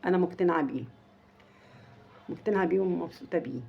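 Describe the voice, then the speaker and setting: A soft-voiced woman with an Egyptian accent, telling a story to her viewers in a halting way with many restarts. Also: on the low side, vocal fry, dull audio, slight background noise. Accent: Egyptian Arabic. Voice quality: naturally soft, quiet voice. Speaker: family channel vlogger.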